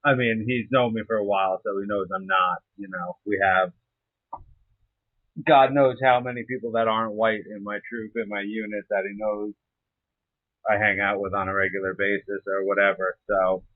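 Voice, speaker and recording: A man's voice: fairly low pitch, fairly even intonation, moderate pace, dry recording. A young adult man talking casually and informally in an interview, hesitant and a little profane. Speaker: interview participant, serving soldier. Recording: muffled narrow phone-like line.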